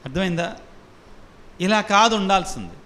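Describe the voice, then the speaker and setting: A priest with a high, bright, ringing voice delivers a sermon in a call-and-response style, repeatedly quizzing his congregation. He drops English phrases in among his own words. His voice trails off into a long hall reverb. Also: animated, normal speed.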